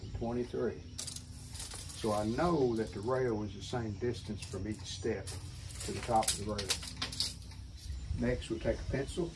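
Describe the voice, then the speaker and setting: This DIY host, a middle-aged man, has a lowish voice and takes his time, leaving long pauses as he casually thinks aloud while working on an outdoor concrete stairwell. Audio comes from the camera's mic, occasionally at a distance, with birds and ambient outdoor sound.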